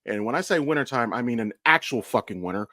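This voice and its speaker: Animated and fast, a mid-range male voice comes across pushed and bright. He's an American co-host, likely in his thirties, chatting loosely on a podcast with plenty of swearing and self-corrections in a stop-start flow. The recording is dry and studio quality.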